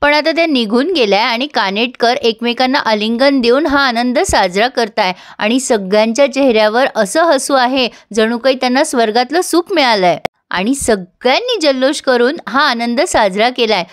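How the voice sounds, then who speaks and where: A woman's voice: a little high, animated. A woman retelling a TV serial episode to viewers, quoting each character's lines in turn. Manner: addresses viewers directly, brisk storytelling. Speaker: serial recap narrator.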